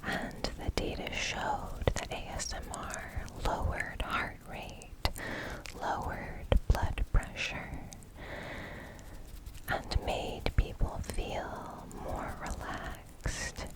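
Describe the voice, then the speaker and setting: A woman giving an ASMR science explainer in a breathy whisper, often repeating single words softly for tingly effect. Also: extremely slow, poor audio. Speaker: ASMR host explaining research.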